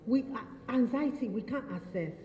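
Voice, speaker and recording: A woman's voice: a little high, lively intonation, normal speed, dark tone. Woman in an echoey hall. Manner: repeats and affirms audience answers, playful teasing. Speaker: workshop facilitator. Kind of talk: interactive training session. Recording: echoey hall, dull lo-fi sound.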